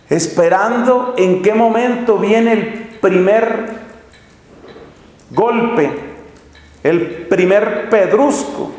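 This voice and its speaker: Male preacher, higher-pitched, dramatic storyteller, long reverb of a church hall. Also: a little mellow. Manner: dramatic storytelling with large swings in pitch and pace. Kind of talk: sermon.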